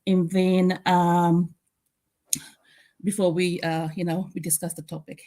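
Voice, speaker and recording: A woman's voice: fairly low pitch, flat delivery, slow pace, mellow. An older woman from Fiji hosting an online live chat, talking with many hesitant fillers. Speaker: host.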